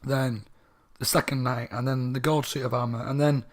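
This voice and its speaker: Casting: a tipsy guy reviewing a book, rambling, mid pitch. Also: steady tone, moderate pace. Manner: rambling, tipsy, self-correcting.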